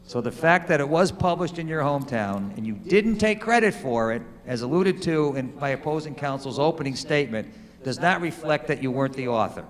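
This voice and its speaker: A man acting as an attorney, questioning a witness in a mock trial with measured, leading questions. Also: medium pitch, expressive. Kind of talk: courtroom examination in a mock trial. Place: courtroom. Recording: long hall reverb.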